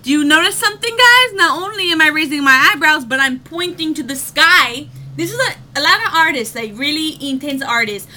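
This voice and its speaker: Young woman chatting singing tips at home, high bright voice, tons of fillers, faint background hiss. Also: expressive, a little fast, few pauses. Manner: chatty, many fillers, bursts into sung demo notes. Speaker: vlogger giving voice tips. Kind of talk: casual vlog lesson.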